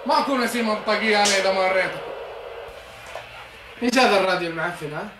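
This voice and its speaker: An actor playing a hot-headed young man who shouts, whines and threatens revenge. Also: high voice, very fast, natural voice. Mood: complaining. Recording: echoey, noisy old TV audio.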